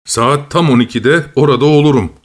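A man's voice: medium pitch, close to an everyday voice. A man doing a hesitant absent-minded inventor. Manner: hesitant, halting, flustered.

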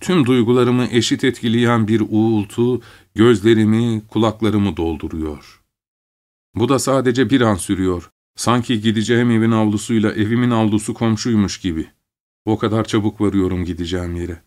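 Man, lowish voice, scripted literary narration, measured first-person storytelling. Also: a little mellow.

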